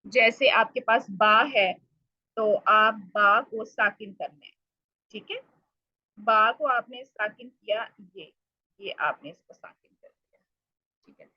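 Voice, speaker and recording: A woman's voice: fairly high pitch, takes it slowly, long pauses, no echo, lo-fi sound. A woman teacher giving a Quran recitation lesson, explaining patiently and asking questions she answers herself. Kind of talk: online tajweed lesson.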